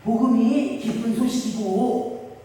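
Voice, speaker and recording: A woman preacher voicing a patient older male senior pastor in a low, brushing-off tone. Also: slow pace, mellow. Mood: calm. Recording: echoey hall from far off.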